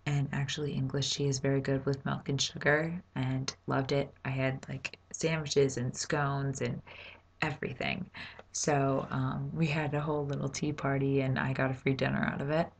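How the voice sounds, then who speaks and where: A young American woman with a creaky voice chatting casually in a vlog, rambling and halting as she goes. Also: flat delivery, slight background noise. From United States. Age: young adult. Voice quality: low, creaky voice. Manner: rambling, halting, informal with swearing. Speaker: vlogger.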